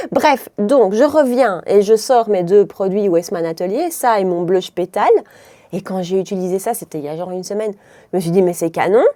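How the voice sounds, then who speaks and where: A woman's voice: mid-range voice, expressive, moderate pace, dark tone, dry recording. A woman from Belgium with a mild Brussels accent, chatting through a makeup tutorial in a rambling way, often stopping herself and laughing. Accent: Belgian French, mild Brussels. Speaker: beauty vlogger.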